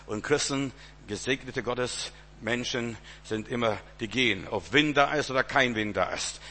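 A middle-aged man preaching a sermon, emphatic, rising loud and dropping soft. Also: mid-range voice.

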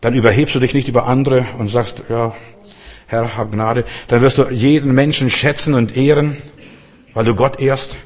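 Husky-voiced man preaching in a hall. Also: mid-range voice, fairly even intonation, brisk. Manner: earnest, repeats phrases, addresses listeners directly. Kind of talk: sermon. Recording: long reverb of a church hall.

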